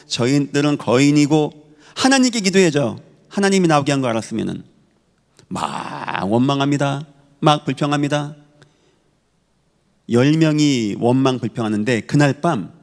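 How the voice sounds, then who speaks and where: A man's voice: mid-range voice, darkish tone. A male pastor delivering an emphatic sermon, asking rhetorical questions and answering them. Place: church sanctuary. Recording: reverberant church hall.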